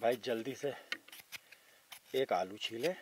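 A man's voice: medium pitch, slow pace, heavy background noise. A man in his thirties vlogging casually while he camps alone outdoors at night, recorded by a camera a few metres off. He talks to viewers in an easy, chatty way. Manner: chatty, keeps calling viewers brother. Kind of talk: casual solo camping vlog. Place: outdoors at night beside a tractor caravan on a hilltop.

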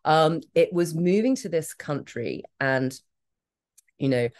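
In a low, expressive voice with a darkish tone, a middle-aged woman with a British accent talks as an interview guest. She comes from Australia and is emphatic, frank, and quick to laugh throughout the candid conversation.

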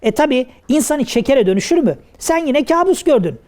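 A man voicing Hacivat, a pompous, learned gentleman in a traditional shadow puppet play, who talks in a preachy, lecturing way. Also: very high-pitched, sing-song, brisk.

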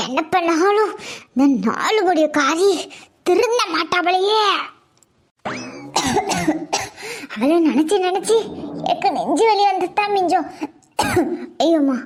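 A wily old grandmother, put on by a woman in a comedy skit, speaking in a very high, thin voice. She mutters darkly about her daughter-in-law and fusses over her grandchild. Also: animated, a little slow, pauses often. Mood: fretful. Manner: muttering suspicious asides, fussy and doting with the child. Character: scheming old mother-in-law, doting grandmother.

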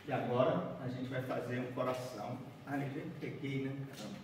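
Brisk and fairly even in intonation, his medium-pitched voice carries through a noisy background. He is a man in his forties from Bahia, Brazil, walking and folding paper during a chatty origami workshop for a seated group in a large conference room, often asking "né?" and "certo?". A distant room camera, no mic visible, records the echoey hall.

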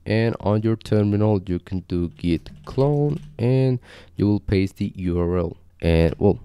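A young man from Costa Rica walks through code in a casual screen-share tutorial, loose and chatty, with lots of fillers. His voice sits very low and smooth, with a mellow, dark tone. The sound is dry and close, from a mic at a home desk. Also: dry recording. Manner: relaxed, conversational, with frequent fillers. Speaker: coding tutorial host. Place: small home desk setup indoors.

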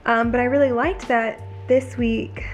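Filmed in her home kitchen and on the living room couch, this woman in her twenties vlogs about lifestyle topics, talking earnestly to camera with lots of "like" and "you know." Her voice is on the high side and fairly even, a little slow, and the recording is muffled with faint music behind.

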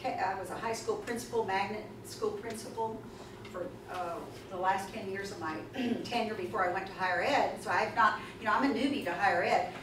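A woman presents at a conference to a seated audience, speaking in an animated, emphatic, chatty way with asides and fielding questions. Her mid-range voice is brisk. A far camera in the audience picks her up from a distance, so the room sounds echoey and noisy.

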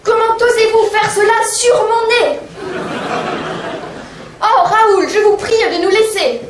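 A woman's voice: very high voice, expressive, unhurried, background noise. A woman voicing a prim, polite female giraffe with a mannered voice, heard from afar in an echoey room. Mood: flustered. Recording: echoey stage sound from far off.

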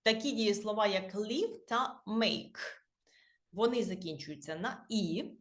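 A woman's voice: medium pitch, takes it slowly, echoey room. A woman with a Ukrainian accent, an English teacher who explains grammar to beginners patiently, spelling out word endings letter by letter.

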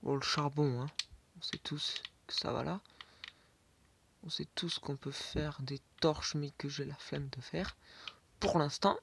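A man's voice: a little high, steady tone, a little slow, vocal fry, pauses often, fairly bright tone, husky. A man narrating his Minecraft game, talking to himself, swearing and sometimes dropping to a whisper. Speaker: gaming YouTuber. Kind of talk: Minecraft let's play commentary. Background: keyboard and mouse clicks.

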